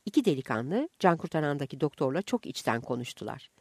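A woman reads a humorous story aloud with expressive narration. Her voice is low but moves widely in pitch. The recording is dry and close. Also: fast, slightly rough, no echo.

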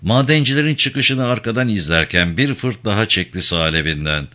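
Guy reading a novel aloud, low-ish bright voice, steady storyteller pace. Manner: measured, literary storytelling. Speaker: audiobook narrator. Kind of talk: scripted narration of a novel.

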